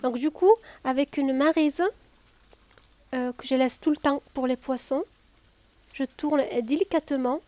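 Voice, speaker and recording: High-voiced woman with a southern French accent. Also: unhurried, pauses often, dry recording. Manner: calm, step-by-step, with hesitations. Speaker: home cook. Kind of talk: cooking tutorial.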